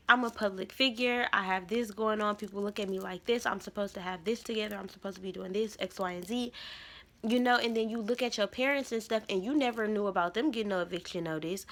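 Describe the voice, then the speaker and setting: A woman in her twenties, a spiritual vlogger, gives her viewers an emphatic, slangy testimony, telling her story repetitively. Her mid-range voice is creaky, bright and forceful.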